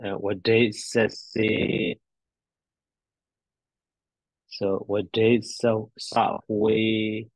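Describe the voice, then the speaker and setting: A man teaching grammar as he recites word forms, halting and repetitive as he thinks aloud. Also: fairly low pitch, level tone. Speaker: teacher, addressed as a Buddhist monk. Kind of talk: grammar lesson on verb endings, reciting forms. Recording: dull, roomy lo-fi audio.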